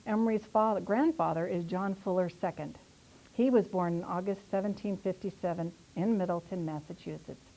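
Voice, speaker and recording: Middle-aged woman author, chatty lecturer, low gravelly voice. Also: moderate pace, dark tone, low-quality recording. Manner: chatty, storytelling, answers audience questions. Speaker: author giving a local history talk. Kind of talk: casual public lecture. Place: historical society meeting room.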